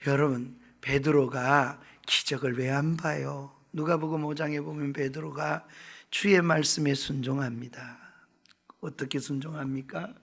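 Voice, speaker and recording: A male pastor preaching a revival sermon, dropping to hushed whispers and rising to loud emphatic peaks. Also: on the high side, steady tone, measured pace. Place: church sanctuary.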